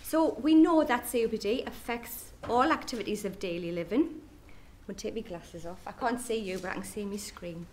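A middle-aged woman with a broad Geordie accent presents at a professional education day. Her delivery is conversational and lightly joking as she addresses the room, speaking at an ordinary middle pitch. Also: moderate pace, a little mellow, a little hiss or hum. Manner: chatty, jokey asides to the audience. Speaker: nurse consultant. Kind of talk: conference presentation. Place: lecture hall at an education day.

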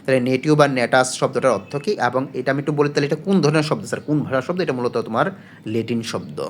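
A man's voice: mid-range voice, fast talker, a little hiss or hum. A man tutors students for an exam, patiently explaining, asking his own questions and answering them, with frequent hesitation fillers. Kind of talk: casual spoken lesson.

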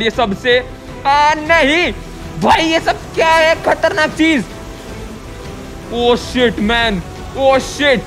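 An excitable young man commentating his game at a high pitch, yelling in sudden bursts of alarm and dropping English exclamations into his talk. Game music plays clearly behind his voice throughout. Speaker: gaming YouTuber playing with friends. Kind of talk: excited Minecraft let's play commentary.

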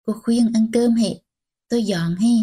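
Woman narrator voicing an anxious maid, coaxing, slow, husky, audiobook. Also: on the high side, mellow. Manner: fussing, coaxing. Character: fussing household maid, middle-aged woman, anxious.

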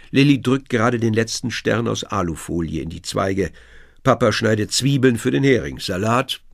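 A man reading a children's story aloud in a lively, expressive way. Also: mid-range voice, gravelly, no room sound, clean studio sound.

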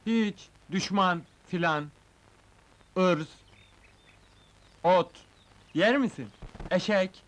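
A simple-minded young villager from an old film comedy, with a voice that sits a little high and words that come slowly. He talks in a rustic, artless way, stumbling over himself. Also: a bit bright, exaggerated voice, rough recording. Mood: flustered. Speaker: comic lead. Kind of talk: 1970s film comedy acting.

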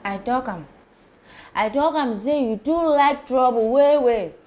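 A woman's voice: sits high, unhurried, darkish tone. Sassy Pidgin-speaking shopgirl. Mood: teasing. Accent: Nigerian Pidgin. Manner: teasing, sassy banter in Pidgin. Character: sassy young woman shop worker. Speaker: shop worker. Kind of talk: Nollywood film acting.

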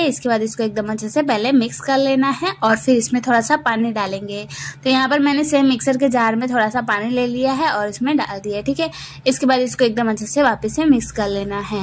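A woman's voice: on the high side, slight background noise. A woman hosting her cooking channel, talking through a recipe step by step in a chatty way, often checking in with "theek hai guys.". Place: home kitchen.

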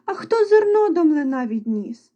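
A woman voicing a patient, hardworking little male rooster in a storybook reading, sometimes in a soft half-whisper. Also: high voice, big pitch swings, moderate pace, highs cut off, voice pushed up. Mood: reproachful.

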